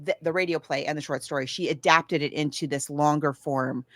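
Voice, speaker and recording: A deep-voiced woman co-hosts a podcast, talking a little fast with fairly even intonation and no echo. She chats casually about books and films, going off on tangents as she thinks aloud.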